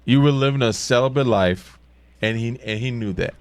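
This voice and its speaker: A man's voice: medium pitch, normal speed, dry recording. A man co-hosting a radio show with casual, unfiltered banter and slangy, emphatic talk.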